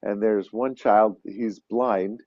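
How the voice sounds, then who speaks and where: A man's voice: lowish voice, fairly even intonation, slow pace, dry recording. A man telling stories as a guest, chatting casually with lots of restarts and fillers. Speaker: guest, Santa performer living in Japan. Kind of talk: casual conversation. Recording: dull, lo-fi and dry.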